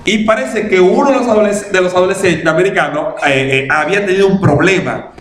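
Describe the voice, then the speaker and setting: Talking a little fast in a high voice, the same kind of storytelling sermon unfolds: a pastor laughing through his testimony and performing old conversations with animation. It's recorded in an echoey Massachusetts church hall with faint ambient sound.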